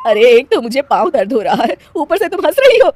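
Woman voicing cartoon mother-in-law: loud, scolding, exasperated. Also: sits high, sing-song, brisk, a little hiss or hum, voice pushed up. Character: scolding middle-aged mother-in-law, easily offended.

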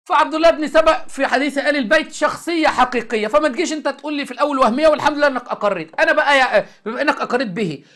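Man, Egyptian accent, show host, debating a caller, insistent, interrupting, very rapid speech. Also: very high voice, sharp tone. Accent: Egyptian Arabic.

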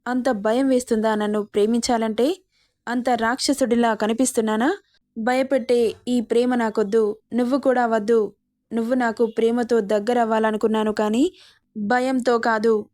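A woman's voice: on the high side, level tone, normal speed, darkish tone, no room sound, clean studio sound, lightly acted. A woman voicing a young, hot-tempered man who reproaches the woman he loves, in a spoken Telugu love story. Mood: hurt.

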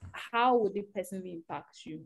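A woman's voice: mid-range voice, a little fast. A woman speaking as a guest on an online tech panel, giving earnest advice and often restarting her sentences.

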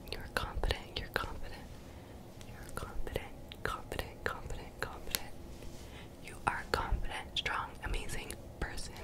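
A young woman whispers soothing, repetitive, encouraging ASMR affirmations close to the microphone. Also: low-quality recording. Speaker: ASMR video creator. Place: small bedroom, indoors. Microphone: desktop condenser mic, very close.

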